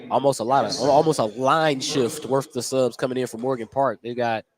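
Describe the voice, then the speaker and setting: With a crowd audible behind him, a man gives live radio play-by-play from courtside in a basketball gym, talking a little fast in a mid-range, fairly even voice and chuckling between calls. It's a noisy gym broadcast full of game noise and dribbling.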